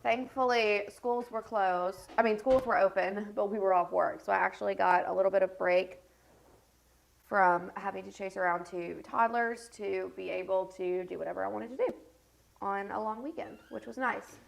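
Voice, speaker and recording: A woman's voice: medium pitch, steady tone, normal speed, vocal fry, low-quality recording. A woman in her thirties, congested and stuffy-nosed, chatting in a rambling way with lots of fillers as she hosts a get-ready-with-me vlog from home. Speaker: beauty vlogger host. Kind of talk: casual get-ready-with-me chat.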